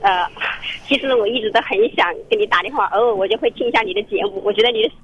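A woman's voice: medium pitch, quick pace, slightly rough, no room sound. A woman calling in to a radio counseling show, telling her story in an earnest, rambling way with many restarts, heard over a phone line. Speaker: caller. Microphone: telephone.

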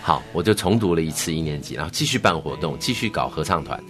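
A middle-aged man with a Taiwanese Mandarin accent, recounting his life story in an interview with earnest, animated emphasis. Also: extremely low pitch, fast, soft background music. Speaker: worship musician, interview guest.

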